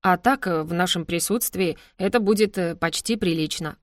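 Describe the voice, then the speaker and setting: Woman reading a genial older gentleman, courteous and gallant, in a dry, close recording. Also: fairly low pitch, normal speed, no room sound, close to an everyday voice. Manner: courteous, indignant.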